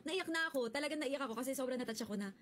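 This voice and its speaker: A young woman telling a story in casual, chatty vlog style, animated and laughing often. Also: high-pitched, very fast, a little hiss or hum.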